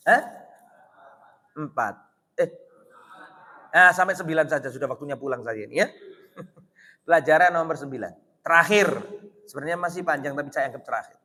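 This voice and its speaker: A man preaching a dawn sermon in a mosque, animated and often quizzing the congregation. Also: high voice. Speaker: Islamic preacher. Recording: reverberant mosque hall.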